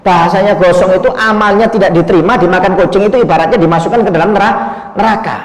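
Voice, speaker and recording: Male preacher, storytelling sermon, halting restarts, fairly high voice, long hall echo. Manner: repetitive, cuts off and restarts words, addresses listeners as "Pak". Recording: echoey hall.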